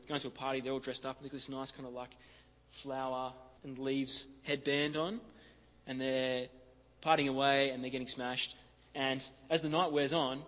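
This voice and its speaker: A man preaching an expository sermon in a relaxed, conversational way, often saying "kinda" and repeating words for emphasis. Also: medium pitch. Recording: long reverb of a large hall.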